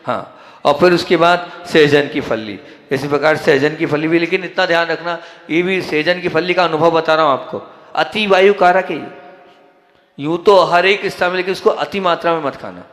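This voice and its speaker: A man's voice: fairly high pitch, moderate pace, a bit bright. A man from central India giving a conversational sermon, asking the audience questions and answering them himself. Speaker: Jain monk giving a discourse. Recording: echoey hall.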